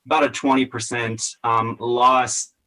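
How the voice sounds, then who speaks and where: A city staff member answering council questions over a video call whose audio keeps cutting out and freezing, speaking haltingly with many restarts and fillers. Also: male voice, mid-range voice, flat delivery, sharp tone, low-quality recording. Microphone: laptop on a video call.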